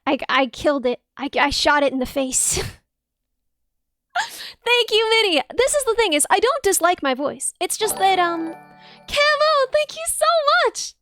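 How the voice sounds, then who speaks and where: Soft music plays behind a young streamer and musician as she chats casually with her livestream audience. Her high, bright, dense voice is slightly piercing, and she's unhurried yet bubbly, gushing thanks with excited shrieks. The sound is close and dry, with no echo.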